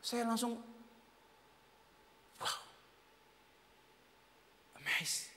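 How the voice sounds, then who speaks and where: A man preaching a sermon with an Indonesian accent, his voice high-pitched and sharp with brightness. He drops low and quiet, then bursts into loud shouts, sprinkling in English phrases. The sound rings with the long reverb of a big hall. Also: lively intonation, drawn-out words. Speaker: pastor. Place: hotel auditorium church service.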